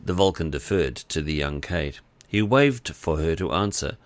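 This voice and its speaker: A man narrating an audiobook with expressive storytelling. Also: very deep voice, normal speed.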